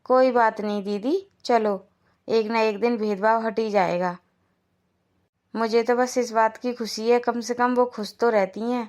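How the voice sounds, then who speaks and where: A meek, selfless young daughter-in-law in a cartoon family, voiced by a woman. Her voice sits a little high and sounds patient. She reassures others gently and never pushes back. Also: steady tone, measured pace, close to an everyday voice. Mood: reassuring. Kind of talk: Hindi cartoon voice acting.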